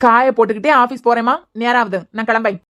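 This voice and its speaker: A woman's voice: on the high side, fairly even intonation, quick pace, fairly bright tone, close to an everyday voice. A woman with a Kanyakumari Tamil accent voicing a teasing, patient young husband in a cartoon series. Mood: pleading. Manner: pleading, playfully teasing. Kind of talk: cartoon web series voice acting.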